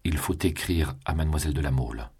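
A man reading as a husky condemned young man. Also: very deep voice, fast, darkish tone, heavily acted. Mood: resigned.

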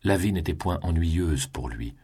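A man narrating a classic novel in a calm, measured reading voice. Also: low voice, breathy edge. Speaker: audiobook narrator.

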